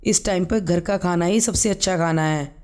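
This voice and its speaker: A man with a high voice voicing a kind, anxious elderly mother-in-law in a storybook narration. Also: moderate pace, darkish tone, close to an everyday voice. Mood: soothing. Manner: soothing, motherly.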